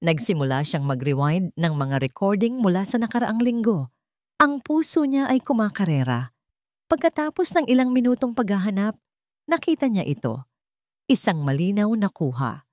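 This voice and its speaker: A woman with a Filipino accent narrates a scripted dramatic story in a medium-pitched, very animated voice that is a little mellow. She speaks at normal speed, and the recording is dry with clean studio sound.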